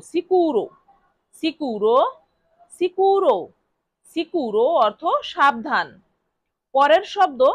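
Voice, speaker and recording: A woman's voice: sits high, fairly bright tone, dry recording. Woman teacher, keeps repeating words and spelling them, asks and answers her own questions. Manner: repeats each word slowly and spells it out letter by letter. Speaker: language teacher. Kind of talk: vocabulary lesson.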